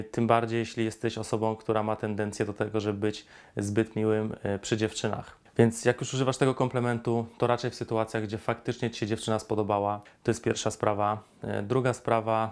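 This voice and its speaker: A man speaks in a low, fairly monotone voice. He coaches viewers on dating and talks to them directly. Now and then he acts out sample pickup lines. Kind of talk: direct-to-camera advice talk.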